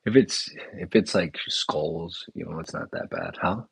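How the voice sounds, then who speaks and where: Gravelly low-voiced man chatting casually. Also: wildly swooping pitch, measured pace, dry recording, poor audio. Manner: laid-back, reads viewer comments aloud and riffs on them. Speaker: chef and restaurant owner hosting a live chat. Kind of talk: casual live-stream chat. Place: indoors, talking to a live chat.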